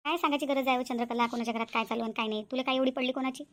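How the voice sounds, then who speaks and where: A quick-tongued cartoon village matron, voiced by a woman who scolds and calls to her neighbours. She sounds high and brisk, and she is bossy but friendly. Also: fairly even intonation, a bit bright. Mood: neighbourly.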